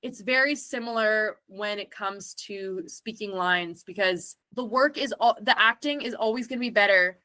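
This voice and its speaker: A mid-range, pushed, bright voice belongs to a woman guest, a singer and actor, chatting in a casual interview at a moderate pace with hardly any pauses. She rambles as she thinks aloud, leaning on frequent "like" fillers.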